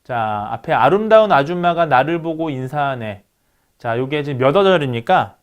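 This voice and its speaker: A man's voice: fairly high pitch, lively intonation, moderate pace, smooth. A man lecturing on phonetics, asking his students questions and answering them himself as he works through examples. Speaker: university lecturer.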